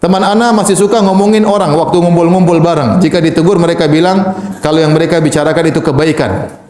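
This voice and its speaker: Lively, echoey male preacher. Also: a little high, quick pace. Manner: lively, swings from soft to emphatic, chuckles. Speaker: Islamic preacher. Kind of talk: religious Q&A lecture.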